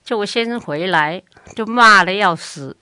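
A woman's voice: mid-range voice, normal speed, clear, resonant tone, no echo. An older woman recounting her family's past in a long oral history interview, acting out what others said. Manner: lively, acts out other people's speech.

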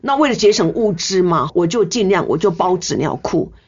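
A woman's voice: on the low side, animated, moderate pace, darkish tone, slightly rough. An older woman with a Taiwanese Mandarin accent, a nurse telling her story in an earnest, emotional interview. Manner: earnest, emotional storytelling with sentence-final particles. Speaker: nurse, guest. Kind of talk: personal testimony in an interview. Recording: slightly muffled recording.

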